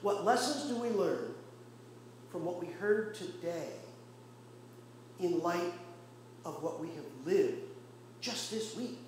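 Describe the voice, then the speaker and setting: A male pastor preaching a sermon with impassioned rhetorical questions and pauses, recorded in a church. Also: sits high, animated. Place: church sanctuary. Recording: very echoey church room, faint hum.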